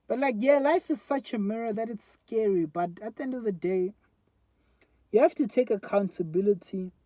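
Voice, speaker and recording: A man's voice: high voice, normal speed, mellow, no room sound. A man in his twenties with a South African accent, rambling candidly to a phone camera in a casual reflective monologue. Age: 20s. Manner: rambling and candid, many fillers. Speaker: vlogger. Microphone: phone front camera.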